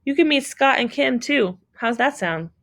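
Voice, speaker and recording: Storybook mother figure, read by a woman, gentle and kind. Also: high voice, animated, moderate pace, pitched above the performer's own voice. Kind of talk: audiobook reading.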